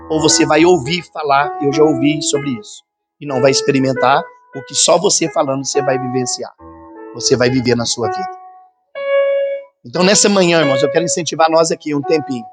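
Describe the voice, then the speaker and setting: A fervent male pastor with a slightly high voice preaches a sermon live in a church conference hall, with music clearly audible underneath. He acts out quoted voices and sounds as he goes.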